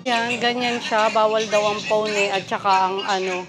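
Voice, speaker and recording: A woman narrating a casual travel vlog while walking through an indoor theme park, exclaiming excitedly to her viewers as she films on a handheld phone. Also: mid-range voice, moderate pace, music in the background. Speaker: vlogger.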